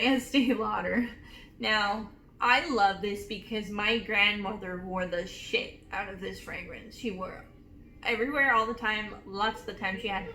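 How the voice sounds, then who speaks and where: A woman in her twenties casually reviewing perfumes, gushing and emotional with drawn-out emphasis. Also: mid-range voice, a bit bright. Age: 20s. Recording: echoey room with faint noise.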